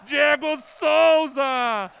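A man giving explosive football goal commentary, excitedly shouting and stretching out key words. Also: extremely high pitch, extremely slow, gravelly.

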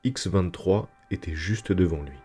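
A male storyteller reads in a calm, measured way. His voice is low-pitched and dark, with a mellow, relaxed tone. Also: faint music behind. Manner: calm, measured literary narration. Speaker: narrator. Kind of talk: storytelling audiobook reading.

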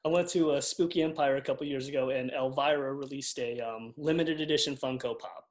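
A man hosting a casual interview, relaxed, chiming in with short affirmations and his own anecdotes. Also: mid-range voice, fairly quick. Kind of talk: casual podcast chat.

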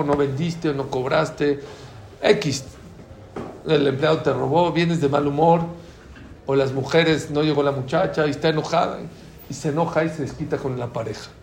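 A man giving a Torah lecture as a rabbi, animated and acting out quoted dialogue. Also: a little high. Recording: echoey room with faint background noise.

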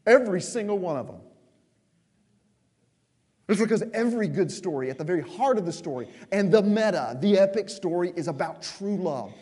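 Emphatic preacher, warm voice, long reverb. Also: male voice, high voice, animated, husky. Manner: impassioned, emphatic, swings between slow stresses and quick asides. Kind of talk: sermon.

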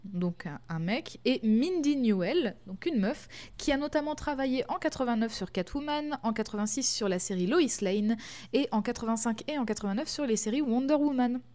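A woman's voice: fairly high pitch, lively intonation, normal speed, warm tone. A woman co-hosting a casual chat, explaining a comic series with many fillers and restarts. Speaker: podcast co-host.

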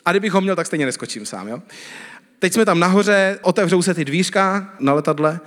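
A man's voice: high-pitched, animated, a bit bright, in a large hall. A man in his thirties from the Czech Republic, preaching a conversational sermon and telling everyday stories. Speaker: pastor. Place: church hall.

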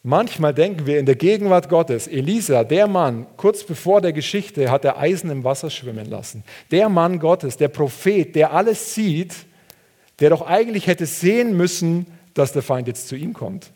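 Husky German-speaking male preacher. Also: normal speed. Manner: expressive preaching, reading scripture aloud, swinging from soft and low to loud. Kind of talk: sermon.

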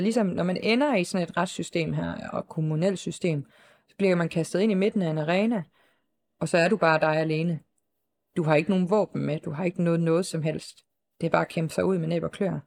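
Creaky-voiced woman, hesitant and composed. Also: on the low side, darkish tone. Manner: hesitant, circling, with many fillers and repetitions; composed, matter-of-fact. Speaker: interviewed mother. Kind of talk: personal interview account.

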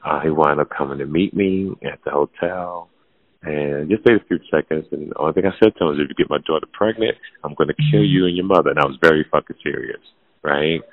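A man in his forties, a podcast guest talking casually and bluntly, swearing freely and dropping to a hushed murmur on painful subjects. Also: fast, dry recording. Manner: blunt, profane, emphatic, calls listener "fam"; drops to a hushed, low murmur when telling something painful. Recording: phone-like narrow sound.

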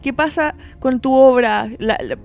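A young Chilean woman hosting a casual podcast chat, animated and opinionated, laughing easily. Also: sits high, unhurried, vocal fry, faint music behind. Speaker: podcast host.

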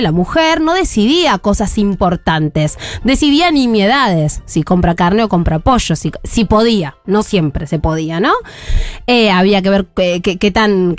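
A woman's voice: mid-range voice, no echo. An Argentine woman, around her thirties, giving a chatty parenting column on radio with plenty of restarts and fillers. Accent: Argentine Spanish.

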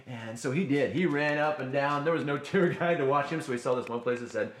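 A man's voice: mid-range voice, fairly quick. A man telling a rambling, improvised story in a casual way, with filler words. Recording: roomy echo, faint music.

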